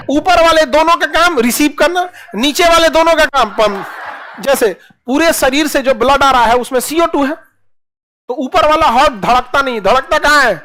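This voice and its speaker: A man's voice: very high-pitched, pushed and bright. A man teaching a classroom lecture, quizzing the class with constant questions in a folksy, playful way. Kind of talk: call-and-response classroom lecture.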